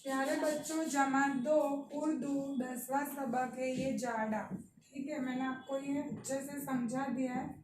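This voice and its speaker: A woman's voice: high-pitched, steady tone, background noise. A woman teacher with a Pakistani Urdu accent, patiently explaining a lesson to young children. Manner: slow, patient, addresses children directly. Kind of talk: primary school lesson. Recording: echoey room, mic at a distance.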